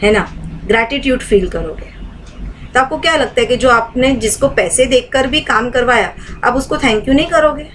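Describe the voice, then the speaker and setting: A woman's voice: a little high, normal speed, fairly bright tone, slight background noise, rough recording. A woman teaching a live online meditation class. She keeps asking the class questions to walk them through her points. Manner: asks the class many rhetorical questions.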